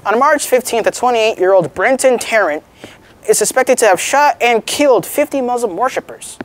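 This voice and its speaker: A young female student plays news anchor in a mock newscast. Her pitch swings in a lively way as she reads from a script. The delivery is informal and a little halting, with chatty asides.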